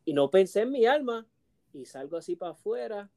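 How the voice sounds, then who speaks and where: Guy on a podcast, warm mellow voice, tells stories all animated and laughs a lot. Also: high-pitched, normal speed, gravelly. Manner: animated storyteller, laughs often. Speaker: co-host. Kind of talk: casual podcast chat.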